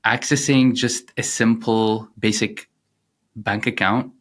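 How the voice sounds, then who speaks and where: In an interview conversation, a man in his thirties from Syria, a startup founder, talks slowly and reflectively with earnest sincerity and frequent "you know" fillers. His low-ish voice has a fairly bright tone and a flat delivery.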